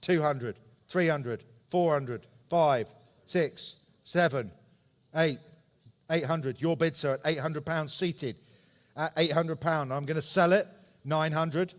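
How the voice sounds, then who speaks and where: Male auctioneer in an echoey hall. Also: a little high. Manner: brisk, clipped repetition of numbers, polite asides to bidders. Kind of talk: live auction calling, running bid commentary. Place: large indoor auction room. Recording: echoey hall with long reverb.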